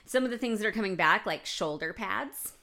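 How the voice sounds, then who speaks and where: A woman from the United States co-hosting a casual chat, playful and chatty, telling stories in an animated way. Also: medium pitch, fairly quick. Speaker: podcast co-host.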